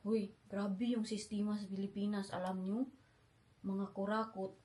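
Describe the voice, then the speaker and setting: A woman's voice: medium pitch, flat delivery, measured pace, mellow. A young Filipina woman, vlogging as she retells an emotional travel story and mixes English phrases into her talk. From Philippines. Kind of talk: storytelling vlog, retelling with quoted voices.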